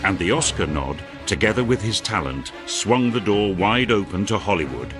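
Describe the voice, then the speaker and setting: A man narrating a documentary tribute in a steady, polished scripted manner. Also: on the low side, moderate pace, music in the background.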